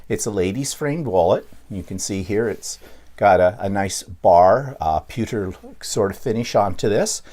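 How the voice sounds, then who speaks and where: A middle-aged man from Canada, chatting casually on his quilting vlog, rambling with frequent ums and restarts, clearing his throat now and then. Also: on the low side. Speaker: quilting vlogger. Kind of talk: casual show-and-tell vlog.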